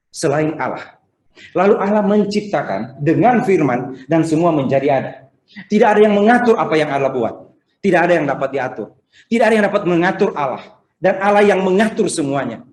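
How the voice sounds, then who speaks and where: Animated male preacher in an echoey room. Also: fairly high pitch. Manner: animated, conversational preaching with acted-out quotes. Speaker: pastor. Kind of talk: sermon. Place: church service streamed over video call.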